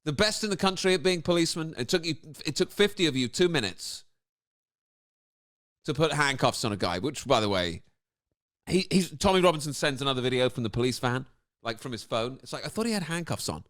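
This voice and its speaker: A man's voice: fairly high pitch, animated, a little fast, a bit bright. A man doing comedic commentary on a video, firing off sarcastic, incredulous rhetorical questions.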